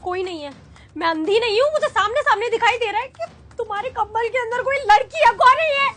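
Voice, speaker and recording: High bright voice of a woman playing an angry wife. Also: animated, a little fast. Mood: furious. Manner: accusing, loud and emotional. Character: young wife, hurt and furious at husband. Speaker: wife in a family skit. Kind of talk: Hindi family skit acting.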